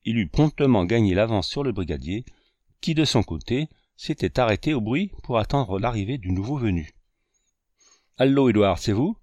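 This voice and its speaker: Low-voiced man narrating a novel. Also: expressive, moderate pace, darkish tone, dry recording, muffled recording. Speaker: audiobook narrator. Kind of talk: read-aloud novel narration.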